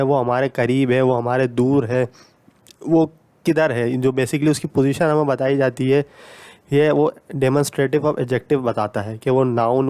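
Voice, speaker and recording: A man's voice: medium pitch, darkish tone, no echo. A man teaching English grammar, explaining patiently and repeating points, mixing English grammar terms into his talk.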